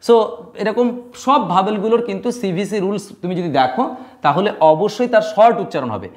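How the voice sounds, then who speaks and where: A man's voice: sits high, expressive, brisk. A man teaching English pronunciation, explaining each rule step by step and repeating the key words. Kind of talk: spoken English lesson.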